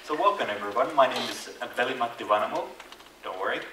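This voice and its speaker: A man's voice: mid-range voice, lively intonation, quick pace, pushed and bright. A man from Finland with a Finnish accent tinged with Irish, giving a casual, self-deprecating conference talk with many fillers and restarts. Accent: Finnish, with Irish influence. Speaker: conference speaker. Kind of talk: conference presentation. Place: large conference hall. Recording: echoey hall, distant mic, faint noise.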